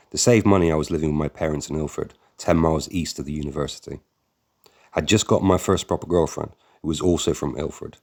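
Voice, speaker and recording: Reading a first-person memoir for an audiobook, this narrator sounds like he's telling his own story. His voice is extremely deep and low, and he keeps a steady, measured pace.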